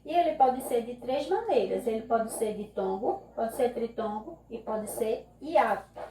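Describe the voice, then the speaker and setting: A woman teacher with a Brazilian Portuguese accent, giving a recorded lesson and explaining slowly and patiently, often checking in with "ok?". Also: fairly high pitch, expressive, mellow, slight background noise. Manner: slow, patient, drawn-out classroom explaining with frequent "ok?" checks. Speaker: primary school teacher. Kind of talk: recorded remote class lesson. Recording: echoey room, mic at a distance.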